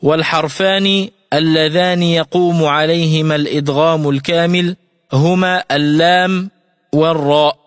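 A man explains the rules of Quran recitation clearly in a radio lesson, chanting his examples slowly and melodically. His voice is a little high and somewhat bright, and the studio-quality recording is dry yet has a big-room sound.

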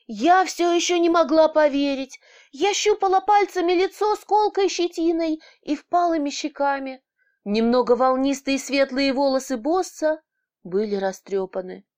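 A woman narrating a story in the first person, lively and expressive, with blunt swearing. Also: sits high. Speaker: audiobook narrator.

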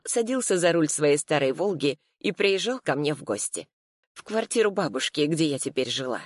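Calm woman narrating an audiobook. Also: sits low, no echo, clean studio sound. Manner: calm, reflective storytelling. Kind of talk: scripted first-person narration.

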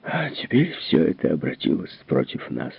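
A man's voice: low voice, wildly swooping pitch, normal speed, gravelly, husky, no room sound, exaggerated voice. A man reading aloud who voices a worried, troubled general explaining things earnestly, on a tinny narrow-band recording. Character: worried, troubled middle-aged male general.

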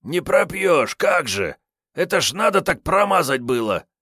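A boorish, hungover wasteland drifter voiced by a man with a drink-roughened, raised voice that swings all over the place. He grumbles, whines and rants rudely, in a dry, close audiobook reading. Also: fairly high pitch, sing-song, unhurried, sharp tone, no echo, voice pushed up, heavily acted. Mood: indignant ranting. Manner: rude, grumbling, self-pitying. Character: hungover boorish male wasteland vagrant gunman. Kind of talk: audiobook character voice.

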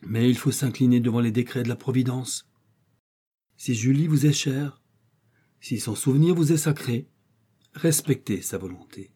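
Brief: man voicing a kind old governor in a storybook, grave and fatherly, dark husky voice. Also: medium pitch, normal speed, pauses often, close to an everyday voice. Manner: grave, paternal.

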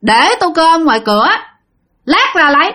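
A woman's voice: high voice, big pitch swings, moderate pace, sharp tone, voice pushed up, exaggerated voice. A woman doing an eerily curt young man. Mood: curt, eerie. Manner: curt, clipped, cold. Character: young man answering curtly in a strange voice.

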